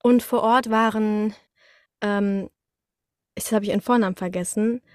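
She's a young studio voice artist sharing her story as an interview guest, chatty, enthusiastic and colloquial, voicing quoted exclamations as she goes. Her mid-range, darkish voice moves at a measured pace with fairly even intonation, recorded with no echo and clean studio sound.

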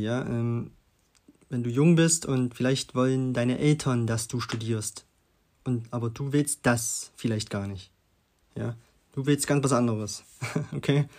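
Young male podcast host, casual self-help chat, mid-pitched, loose and filler-heavy delivery. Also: darkish tone. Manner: loose and chatty, many fillers, frequent tag questions.

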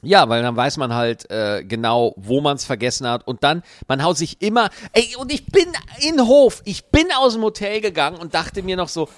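A man co-hosting a podcast, telling a story in lively casual banter and laughing and swearing as he goes. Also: on the high side, normal speed, few pauses, dry recording, clean studio sound. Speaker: podcast co-host.

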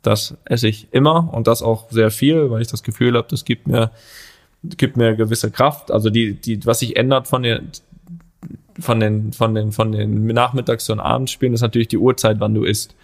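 A man's voice: medium pitch, fairly even intonation, normal speed. A man co-hosting a casual podcast, rambling and teasing his co-host with lots of restarts. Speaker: professional footballer.

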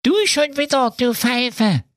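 A man's voice: very high-pitched, slow, a bit bright, no echo, studio quality, voice pushed up, exaggerated voice. A man voicing a grumpy frog king in a comic fairy tale read aloud, quacking between his sentences. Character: grumpy male frog king with a tiny crown.

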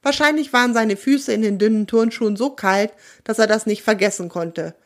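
A woman reading a children's story aloud in first-person narration, lively and expressive, with voiced bits of dialogue. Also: on the high side, moderate pace.

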